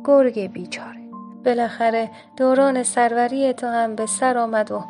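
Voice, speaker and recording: Cunning gloating fox, woman narrator doing it, mocking, fairly high voice, storybook telling. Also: steady tone, darkish tone, faint music behind, lightly acted. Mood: scornful. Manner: mocking, reproachful.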